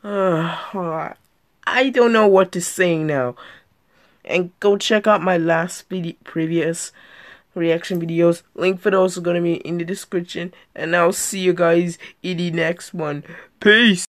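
Brief: unhurried earnest woman, reaction host, dry close sound. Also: on the low side, steady tone, no echo. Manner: slow, earnest, plain-spoken. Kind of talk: casual commentary.

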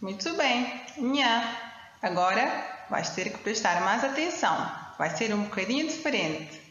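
A woman voicing a cheerful female classroom helper, slowly quizzing children on syllables. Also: on the high side, lively intonation, a bit bright. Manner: slow, clear, quizzing. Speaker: animated tutor character. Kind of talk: scripted quiz for children. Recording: dull, echoey, reverberant sound.

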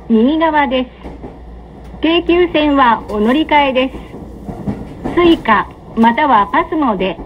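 A woman giving scripted automated train announcements in a polite, measured, formal manner. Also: sits high. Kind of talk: scripted recorded onboard announcement. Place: train carriage public-address system. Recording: dull lo-fi train PA, running noise. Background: train ambience.

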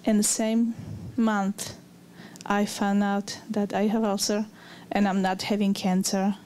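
A woman with a foreign accent giving a plain, halting testimony about her healing. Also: medium pitch, level tone, a little mellow, slight background noise.

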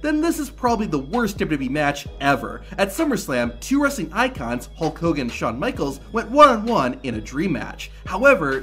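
A man's voice: a little high, a bit bright. A man reading scripted narration for a wrestling countdown video. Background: music.

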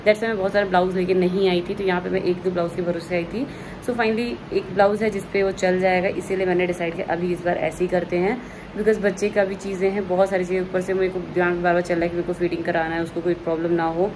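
A woman's voice: fairly low pitch, little pitch movement, fast talker, noisy background. A young woman chatting casually in a home vlog, slipping English words into her speech. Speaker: vlogger.

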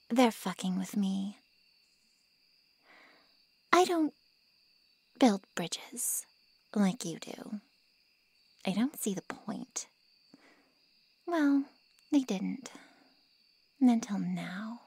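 In an ASMR roleplay drama, a woman plays a haughty, callous ancient vampire, speaking in a breathy drawl laced with mocking sarcasm. Her voice is medium in pitch with a darkish tone and no echo.

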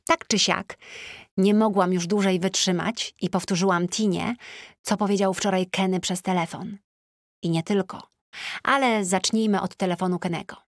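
Woman reading a first-person audiobook, chatty teen-diary vibe, middle pitch, dry close mic. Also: moderate pace, no echo. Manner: lively, chatty teenage-diary tone. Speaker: audiobook narrator.

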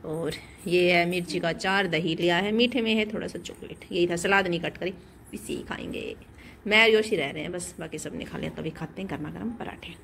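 A woman's voice: vocal fry, slight background noise, rough recording. A woman in her thirties chatting casually through her day at home, a mother talking to her viewers. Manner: chatty, scolds children in sharp high calls. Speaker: vlogger, mother. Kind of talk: casual home vlog narration. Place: indoor home.

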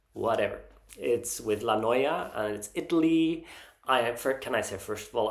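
A man vlogging casually about songs he likes, earnest and enthusiastic, often pausing with ums and restarting his sentences. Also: fairly low pitch, gravelly, roomy sound. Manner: hesitant, frequent ums and restarts. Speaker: Eurovision vlogger ranking songs. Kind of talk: casual opinion vlog.

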